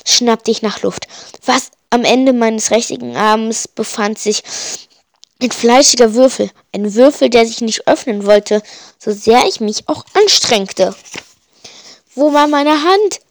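A woman's voice: fairly high pitch, unhurried, dry recording, clean studio sound. A woman reading a first-person story aloud, with frequent slips and restarts. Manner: reads with frequent slips and restarts, rising to panicked shouts in dialogue. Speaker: audiobook reader.

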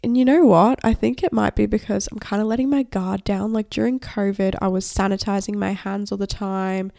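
A woman's voice: medium pitch, steady tone, fairly quick, vocal fry, mellow, no room sound, studio quality. A young woman in her twenties with a cold, sounding nasal as she hosts her own podcast in chatty, upbeat solo talk. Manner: chatty, upbeat, talks with many likes. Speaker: podcast host. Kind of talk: casual solo podcast chat.

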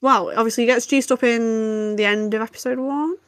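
Giggly woman, higher voice. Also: a little fast, dry recording. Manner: giggly, animated, laughs often. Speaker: podcast co-host. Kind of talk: casual chat.

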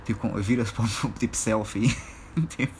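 A young man with a European Portuguese accent and a very low, deep voice rambles through a casual solo podcast. He talks in loose slang, swears freely and breaks into laughter often. A faint noise sits under the recording. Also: flat delivery, moderate pace, a little mellow. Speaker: podcast host.

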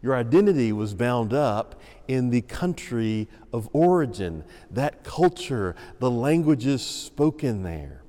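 A male pastor preaches slowly and deliberately, his pitch rising and falling widely for emphasis. His tone is mellow and dark. A long reverb from a church sanctuary trails behind every phrase. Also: very animated. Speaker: senior pastor. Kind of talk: sermon. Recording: long reverb of a large room.

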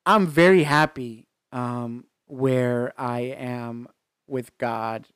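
A man co-hosting a casual faith podcast, talking earnestly in halting phrases with frequent restarts. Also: medium pitch, fairly even intonation, fairly bright tone, clear, resonant tone, no echo, clean studio sound. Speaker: podcast co-host.

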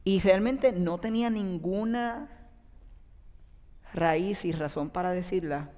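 A man's voice: sits high, slow. A man, a youth pastor giving an earnest, confessional sermon testimony. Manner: earnest confessional storytelling, animated rises. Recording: long reverb in a large hall.

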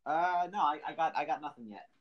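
A man co-hosting a casual podcast, talking in a halting way full of fillers and restarts. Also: on the high side, dull audio. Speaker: podcast co-host.

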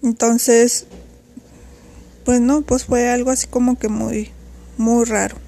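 A woman's voice: on the high side, little pitch movement, takes it slowly, creaky, dark tone. A woman, telling a personal story in an earnest, reflective way. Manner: earnest, reflective, recounting at length.

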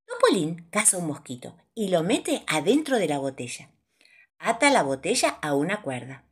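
A woman reading a children's storybook aloud in a playful, animated way. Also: fairly low pitch, normal speed, slightly rough. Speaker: storybook narrator.

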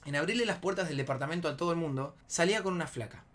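A man in his twenties with an Argentine Rioplatense accent, telling a comic anecdote in a slangy, profane way and acting out his friends' shouting. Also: rapid-fire. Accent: Argentine Rioplatense Spanish. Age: 20s. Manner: animated storytelling, acts out shouting friends in high strained bursts. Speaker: storyteller.

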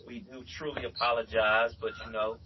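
A man's voice: medium pitch, little pitch movement, fairly quick. A man co-hosting a podcast in laid-back, slangy banter, heard over a choppy internet call that sounds echoey. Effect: choppy internet call audio with echo. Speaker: podcast co-host. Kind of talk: casual chat. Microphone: internet video call. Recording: lo-fi distant call audio with faint noise.

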